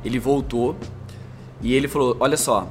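A man's voice: mid-range voice, fairly even intonation, normal speed, faint music behind. A man from Minas Gerais, raised in interior São Paulo, with a caipira R in his accent, talking as a marketing executive guest in long, flowing anecdotes. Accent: interior São Paulo, rolled caipira R. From Brazil, Minas Gerais, raised in interior São Paulo. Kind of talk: conversational storytelling.

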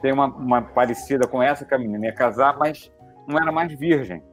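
A male comedian telling a dirty joke in a halting, restarting way. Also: mid-range voice, soft background music. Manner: halting storyteller, many restarts. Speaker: comedian guest.

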